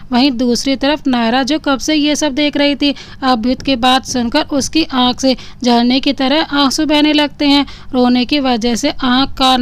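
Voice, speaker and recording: A woman narrating a romantic drama story in an expressive, dramatic way. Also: sits high, dry recording.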